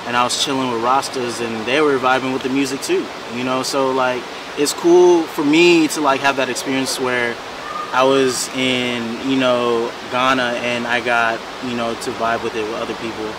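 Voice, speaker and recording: A man in his twenties, a musician being interviewed, talking in a relaxed way with lots of "you know" fillers. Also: medium pitch, normal speed. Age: 20s. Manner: laid-back, many fillers like "you know". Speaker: musician guest. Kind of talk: casual interview chat. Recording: distant mic, loud outdoor traffic noise.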